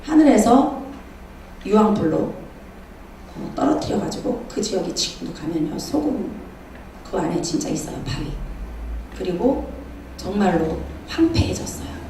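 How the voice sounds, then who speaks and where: A woman preacher giving a sermon in a church, telling a story with lively acted-out dialogue. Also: mid-range voice, unhurried, pauses often, slight background noise. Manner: animated storytelling, acting out dialogue. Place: church sanctuary. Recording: echoey church hall from far off.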